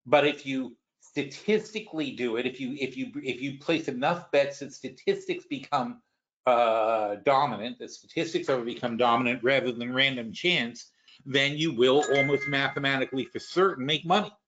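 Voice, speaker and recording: Speaking at a moderate pace in a medium, somewhat bright voice, a man runs a stock market webinar. He rambles, restarts often and works through examples, and the audio is dull.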